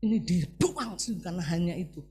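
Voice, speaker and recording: A man's voice: high voice, brisk. A middle-aged male preacher giving a sermon, talking animatedly and often turning to the congregation with questions. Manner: animated, keeps addressing the congregation as "saudara".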